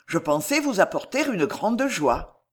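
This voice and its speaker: A woman's voice: mid-range voice, very animated, unhurried, husky. A woman reading a young male chevalier, courteous and reassuring, close to her own voice.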